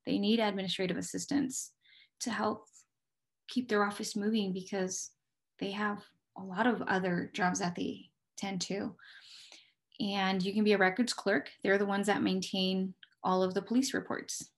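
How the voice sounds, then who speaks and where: A police dispatcher with an American accent gives candid, conversational interview answers. Her medium-pitched voice holds fairly even intonation at a normal speed. She explains things step by step and sometimes poses questions of her own.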